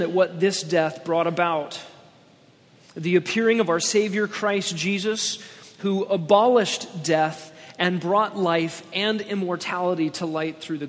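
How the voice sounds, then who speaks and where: A man preaching a sermon as pastor at a pulpit microphone, emphatic and slowing down on key words. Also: high voice, fairly bright tone. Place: church sanctuary, speaking at a pulpit microphone. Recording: long church-hall reverb.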